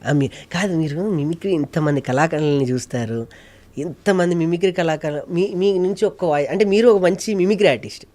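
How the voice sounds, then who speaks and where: A male mimicry artist and actor speaks in a casual interview. His voice sits a little high for a man. He comes across as earnest and reflective, and his manner is polite. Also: brisk, dark tone.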